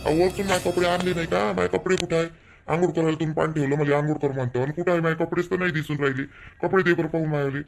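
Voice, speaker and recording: A dismissive young husband, played by a man in a homemade village family drama. He talks fast and brusquely, over faint music. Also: fairly high pitch, steady tone, gravelly. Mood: impatient. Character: curt young husband, cold to his wife.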